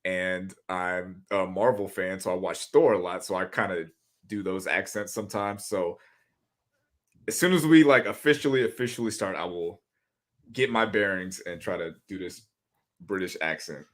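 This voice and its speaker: Deep-voiced laid-back man podcast guest. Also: steady tone, moderate pace, a bit bright. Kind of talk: casual sports podcast chat.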